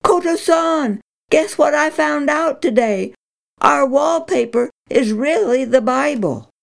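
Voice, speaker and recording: Woman doing an old grandmother, eager and pleading, voice up high. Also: takes it slowly, vocal fry, heavily acted. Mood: excited joy. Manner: excited, pleading. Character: elderly Japanese grandmother, eager and joyful.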